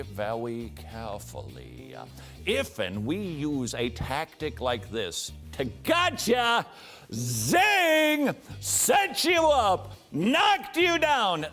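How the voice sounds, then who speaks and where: Male host, preachy commentary, slow delivery, lively pitch. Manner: animated, preachy, playful sound effects. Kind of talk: sermon-like commentary.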